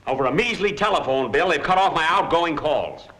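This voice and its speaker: An American actor playing a broke, dithering lawyer in 1940s screwball comedy banter, dry and stammering. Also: male voice, fairly high pitch, animated, a little fast, a bit bright, low-quality recording. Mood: flustered, indignant. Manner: dry wisecracking, flustered stammering. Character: broke, dithering male lawyer, putting on a brave front. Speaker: lead film actor.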